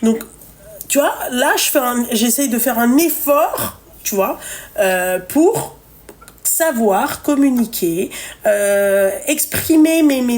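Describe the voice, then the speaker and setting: A woman talks on her live stream in casual, unscripted chat. Her voice sits a little high, and she hands out blunt advice with plenty of swearing and hesitant fillers. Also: a little mellow. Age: 30s.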